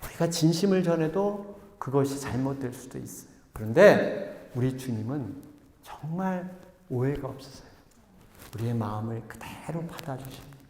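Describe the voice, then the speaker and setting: A man's voice: medium pitch, moderate pace, slight background noise. A male pastor preaching a sermon, telling stories with animation and speaking directly to his congregation. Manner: animated storytelling, addresses congregation. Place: church sanctuary. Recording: echoey church hall.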